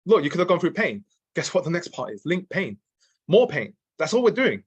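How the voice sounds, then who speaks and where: A man's voice: sits high, sing-song, a little fast, slightly rough, dull audio. A man teaching sales calls in a casual, repetitive way, restarting his sentences and checking in with "okay?" and "right?" as he goes. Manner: drops in mild swearing. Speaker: sales trainer. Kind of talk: casual training talk.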